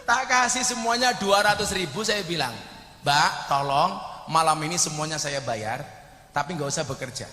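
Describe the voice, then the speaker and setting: A man with a Javanese accent preaching a humorous sermon, telling animated stories and shouting out his punchlines. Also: on the high side, normal speed. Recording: echoey hall reverb.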